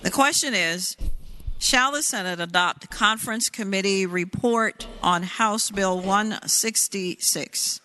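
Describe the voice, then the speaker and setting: A woman presiding over a state senate session, briskly reciting formal voting calls. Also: medium pitch, bright, forceful tone, a little hiss or hum. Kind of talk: formal parliamentary procedure. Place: legislative chamber.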